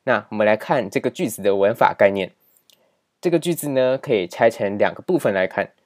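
A man's voice: on the low side, lively intonation, a little fast. A man teaching a grammar lesson over slides, explaining patiently and repeating key points with many filler particles. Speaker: language teacher.

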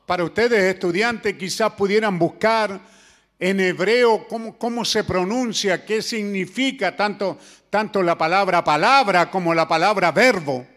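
High-voiced preacher man. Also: measured pace, fairly bright tone. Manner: earnest, addresses listeners as brother, rhetorical questions. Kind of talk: sermon.

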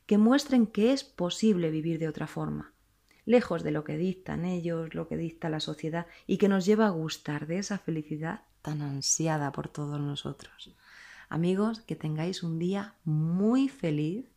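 Low gravelly woman giving a sermon. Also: warm tone. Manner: reflective, earnest, with frequent pauses and restarts. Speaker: preacher.

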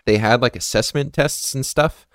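A man's voice: medium pitch, no room sound, studio quality. Chatty young man hosting a podcast. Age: 20s. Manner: chatty, filler-heavy, quick to laugh. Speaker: podcast host. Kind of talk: casual interview chat.

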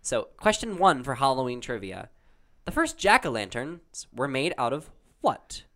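A man casually reading Halloween trivia questions aloud to a friend, halting and restarting, laughing often. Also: mid-range voice, huge pitch swings, fairly bright tone. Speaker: quiz reader.

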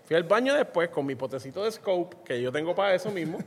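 A man's voice: sits high, animated, fast talker. A Puerto Rican man with a Puerto Rican Spanish accent telling a crude comic story, swearing and acting out his own quotes. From Puerto Rico. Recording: long reverb, faint ambient noise.

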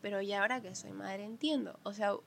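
Woman telling lively family stories. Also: mid-range voice, a little fast, creaky. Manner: animated storyteller who acts out family members' voices. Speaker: podcast guest. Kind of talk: casual conversation.

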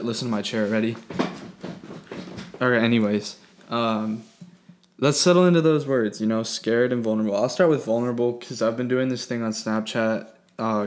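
A young man talks in a flat, fairly low monotone while hosting his own podcast from his bedroom. He rambles loosely and pokes fun at himself, filling the gaps with ums and likes. The delivery is an unplanned, casual monologue. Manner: rambling, self-deprecating, many fillers. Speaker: podcast host. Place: bedroom at home.

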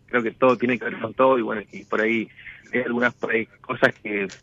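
A man talks casually as a caller seeking advice, circling his points hesitantly. His voice has an average male pitch, in dry, slightly dull radio audio. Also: steady tone, brisk, sharp tone, no room sound. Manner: hesitant, roundabout phrasing. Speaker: caller seeking a tarot consultation. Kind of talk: casual personal consultation.

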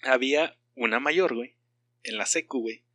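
A man's voice: medium pitch, normal speed, sharp tone, no echo. A young man with a Mexican Spanish accent telling crude stories in slangy casual chat.

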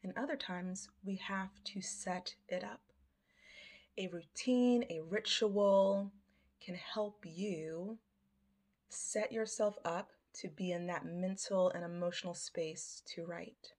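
Woman doing a podcast monologue, really slow and deliberate, reflective, lots of pauses. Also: lowish voice, fairly even intonation, darkish tone. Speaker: podcast host.

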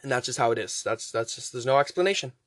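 A man's voice: medium pitch, expressive, fast, fairly bright tone. A man hosting a casual, rambling podcast, chatty and urging listeners on, pronouncing his R sounds weakly, close to W. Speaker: podcast host.

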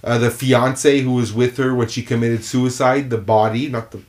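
A man's voice: mid-range voice, flat delivery, moderate pace. A man co-hosting a movie podcast, chatting casually and animatedly, laughing often and acting out scenes. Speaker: podcast co-host.

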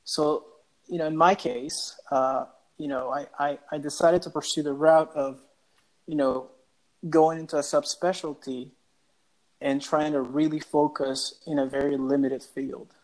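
A man's voice: on the high side, flat delivery, a little slow, low-quality recording. A young man from El Salvador, a cardiology fellow, answering interview questions casually with many fillers and restarts. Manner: hesitant, many uh fillers and repeated words. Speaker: guest cardiologist.

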